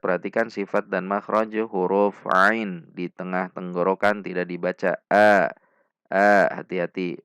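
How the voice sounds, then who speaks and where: A man with an Indonesian accent teaching Quran recitation step by step, slowly and deliberately repeating each sound for practice. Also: low voice, a bit bright, smooth, no echo.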